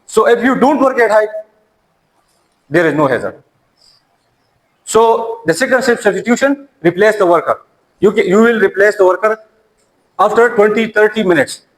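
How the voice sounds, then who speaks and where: A man's voice: high-pitched, normal speed, long pauses, low-quality recording. A man, an Urdu speaker, teaching a classroom lecture and often repeating and restarting his words.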